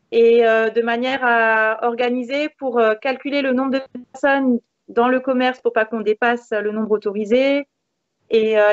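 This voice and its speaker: A woman in her thirties, a hair salon manager, answers interview questions in an upbeat, conversational way over a video call. Her voice sits on the high side with no room sound, though the device-mic audio is dull and lo-fi. She's indoors in a room with a beamed ceiling.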